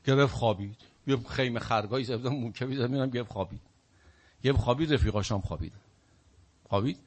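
Male preacher, husky, mid-pitched storyteller for a sermon.

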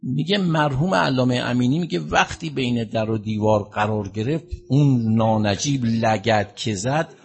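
A man as a religious eulogist, telling a mourning sermon in a lamenting, drawn-out way. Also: medium pitch, gravelly, a little hiss or hum. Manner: lamenting, drawn-out storytelling delivery.

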